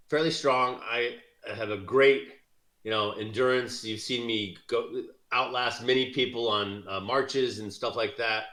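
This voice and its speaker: A man playing a tabletop role-playing game, describing his knight character in first person with many pauses and fillers. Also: on the low side, fairly bright tone. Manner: hesitant, many fillers and laughs. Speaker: player. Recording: echoey room.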